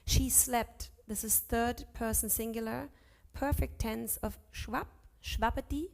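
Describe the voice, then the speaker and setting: Woman, teacher in an ashram class, fairly high voice, explains verses, chants them slowly, corrects herself openly. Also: steady tone, creaky, a little mellow. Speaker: teacher of Sanskrit texts. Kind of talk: lecture on scripture with chanting.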